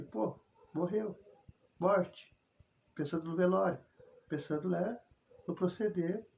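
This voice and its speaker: A man with a Brazilian Portuguese accent giving an informal Bible study, telling the story with animated emphasis. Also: high-pitched, muffled recording. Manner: animated storytelling, frequent "né", chuckles.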